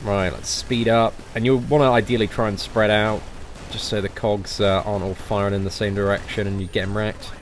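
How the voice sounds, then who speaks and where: A young man giving casual game commentary as a boss guide, chatty and relaxed with lots of fillers. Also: on the low side, a little fast, a little hiss or hum. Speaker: gaming channel host.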